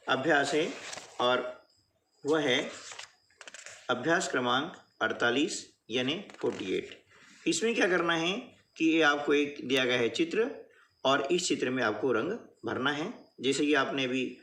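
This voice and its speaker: A man teaching a workbook lesson in a patient, slow classroom manner, often checking in with the listener. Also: mid-range voice, a bit bright. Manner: patient, repeats "है ना" and "ठीक है" often.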